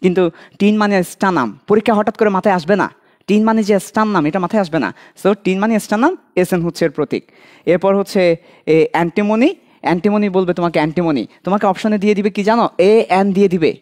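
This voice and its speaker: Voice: mid-range voice, quick pace, a little mellow. Bangladeshi chemistry tutor drilling key points. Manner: repeats key points, quizzes students directly; light joking asides. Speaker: chemistry teacher. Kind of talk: online admission-prep lesson.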